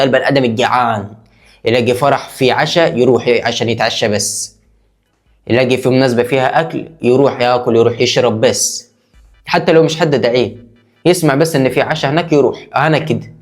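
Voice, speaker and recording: A man with an Egyptian Arabic accent giving mock-indignant comedic commentary in a sarcastic tone. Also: medium pitch.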